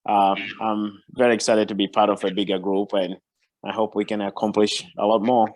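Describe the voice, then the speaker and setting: A man's voice: on the low side, flat delivery, brisk, a little mellow, no room sound, low-quality recording. A man who grew up in Tanzania, a pediatrician, introducing himself in a friendly way on a video call. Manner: friendly, brief agreeing replies.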